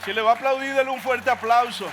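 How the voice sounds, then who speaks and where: A man's voice: very high voice, fairly even intonation, quick pace, pushed and bright, a faint crowd. A male pastor preaching a sermon in church, emphatic, often asking the congregation to repeat words after him.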